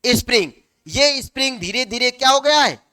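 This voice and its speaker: Male teacher, lecture delivery, self-answering questions, dictates slowly at times. Very clear, crisp tone. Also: very high-pitched, animated, bright, forceful tone, dry recording, clean studio sound. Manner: asks the class questions and answers them himself; slows down to dictate notes word by word. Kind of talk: classroom lecture.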